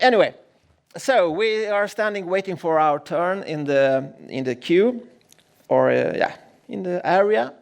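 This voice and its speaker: A middle-aged man from Sweden, giving a conference keynote in a humorous, self-deprecating storytelling way, often restarting his sentences. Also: a little high. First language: Swedish. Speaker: keynote speaker. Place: large conference room.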